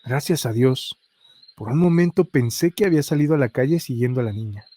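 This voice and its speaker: A man's voice: mid-range voice, animated, fairly quick, mellow, dry recording, close to an everyday voice. A man reading the lines of a frightened young woman police officer, nervous and pleading. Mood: scared.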